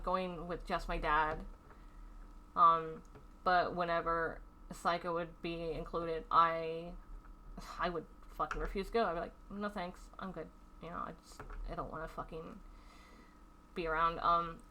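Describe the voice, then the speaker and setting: A woman's voice: lowish voice, sharp tone. A woman vlogging about a painful personal story, stressed and upset, swearing heavily, sighing often and rambling with fillers. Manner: heavy swearing, frequent sighs, rambling with fillers. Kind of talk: candid personal storytelling vlog.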